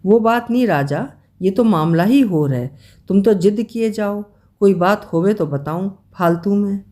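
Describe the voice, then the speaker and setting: A woman's voice: mid-range voice, measured pace, dark tone, voice pushed up, natural voice. A reader voicing a teasing young queen who keeps dodging a question. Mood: coy. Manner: coy, giggling evasion.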